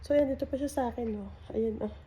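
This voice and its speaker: A woman vlogging casually at home, talking in a hushed, often half-whispered voice and laughing often. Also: fairly high pitch, fast, a little hiss or hum. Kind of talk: casual vlog chat.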